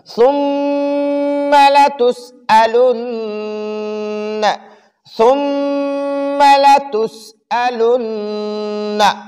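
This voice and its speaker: A man from Pakistan teaches Quran recitation with a high, smooth voice. He explains each rule and then chants the verse very slowly. A long reverb trails behind every phrase. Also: a little mellow. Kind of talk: tajweed lesson with recitation.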